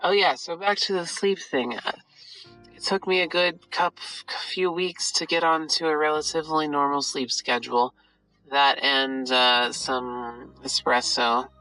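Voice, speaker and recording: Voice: medium pitch, steady tone, unhurried, pushed and bright, soft background music, low-quality recording. A tired person confiding troubles in a rambling, self-deprecating audio journal, casual and sweary, recorded on a phone. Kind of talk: rambling late-night confessional monologue.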